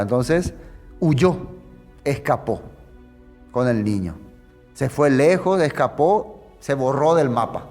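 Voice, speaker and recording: A man's voice: mid-range voice, big-room sound. A man teaching a Bible passage in a conversational sermon, often checking with his listeners. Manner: conversational, asks the audience "¿no?" often. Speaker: preacher.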